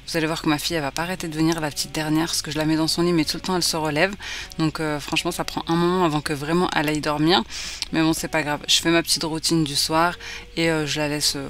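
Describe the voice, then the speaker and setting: A woman's voice: deep voice, a bit bright. A woman in her thirties talking casually through her evening routine as a vlogger, with many hesitations and fillers. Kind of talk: casual vlog voice-over.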